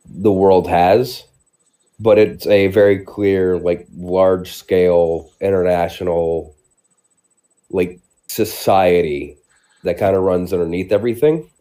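A man's voice: low-pitched, steady tone, slow pace, warm tone. A man co-hosting a podcast, chatting casually about movies in long, rambling explanations with frequent restarts. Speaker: podcast co-host. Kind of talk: casual chat.

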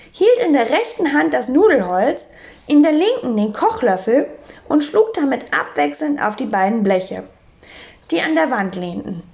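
Animated woman reading a children's book aloud. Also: sits high, creaky, highs cut off. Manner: expressive, animated. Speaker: storyteller.

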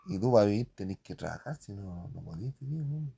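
A man's voice: lowish voice, lively intonation, a little fast, creaky, dark tone, breathy edge. A man with a Chilean accent rambling casually about print shop work, full of slang and spoken sound effects.

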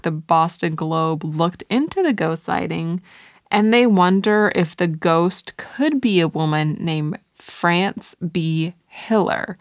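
A woman's voice: on the low side, dry recording, clean studio sound. A woman co-hosting a podcast, telling strange stories in a playful, casual way. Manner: playful, laughs between lines. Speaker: podcast co-host. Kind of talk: casual storytelling.

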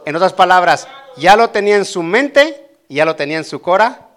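A man preaching a sermon in a church, asking rhetorical questions and calling out amen and hallelujah while pausing for his interpreter. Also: high voice, expressive, a bit bright. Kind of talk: Spanish sermon with live interpretation.

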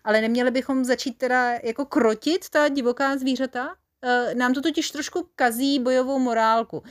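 A woman's voice: sits high, fairly even intonation, voice pushed up, natural voice. A small, bossy female dwarf lieutenant from a storybook rattles on bluntly and fussily, as a woman puts her on. Her voice is raised, a touch above the storyteller's own. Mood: fussy. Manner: chatty, blunt, fussy.

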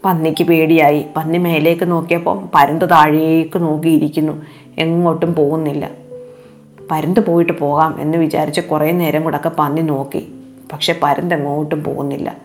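A woman narrating a children's animal fable in a gentle, unhurried storytelling manner. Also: low-pitched, level tone, soft background music.

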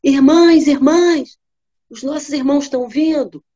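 A frightened, naive young wife in a told fairy tale, pleading desperately in a raised, high voice, as a woman storyteller puts her on. The recording is dull and lo-fi. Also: measured pace, mellow.

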